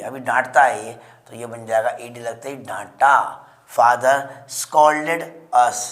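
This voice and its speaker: A man with an Indian accent teaching English grammar in Hindi, explaining slowly and repeating examples with frequent check-ins to his students. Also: mid-range voice, a bit bright. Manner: slow, repetitive explaining with frequent "ठीक है जी". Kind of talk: spoken English lesson in Hindi.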